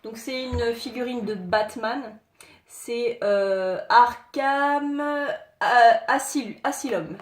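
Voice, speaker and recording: A woman chatting casually to viewers while showing her collectible figurines, in a halting way with many fillers. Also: a little high. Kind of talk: casual unboxing chat. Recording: echoey room, faint noise.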